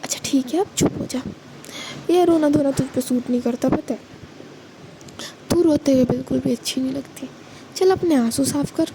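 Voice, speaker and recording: A woman voicing a caring older sister who soothes her sibling in a soft, fond tone in a storybook reading. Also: high voice, moderate pace, background noise. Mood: soothing. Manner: soft, comforting, scolding fondly.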